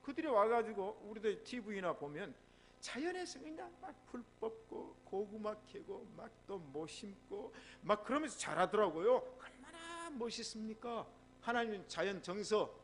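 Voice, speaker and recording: A pastor from Jeolla preaches with a high-pitched voice and his regional accent. He tells stories and keeps turning to the congregation for replies. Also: very animated, normal speed, fairly bright tone. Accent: Jeolla Korean. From Jeolla, South Korea. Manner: storytelling, prompting replies from the congregation. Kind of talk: sermon. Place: church sanctuary.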